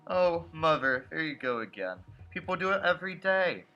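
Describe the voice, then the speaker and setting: An actor playing a haunted man in his thirties from Brooklyn, narrating a radio play in earnest, deliberate phrases. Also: on the high side, big pitch swings, sharp tone, dull audio, heavily acted. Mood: reassuring. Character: haunted 36-year-old man from Brooklyn, anxious but insisting he is sane. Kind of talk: radio play acting, first-person dramatic narration. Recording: music behind the voice.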